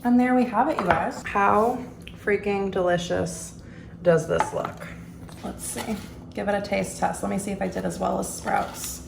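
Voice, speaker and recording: A woman's voice: mid-range voice, fairly even intonation, a little slow, creaky, roomy sound, background noise. Bubbly young woman vlogging in her kitchen. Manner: bubbly, chatty, says "you guys" and "like" often. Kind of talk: casual vlog chat. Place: home kitchen. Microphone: camera mic, then phone.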